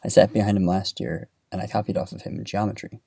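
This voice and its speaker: A man's voice: on the low side, flat delivery, fast talker, creaky, mellow, no echo. A man voicing a young female drive-thru worker, curt and matter-of-fact, in a spoken comic story.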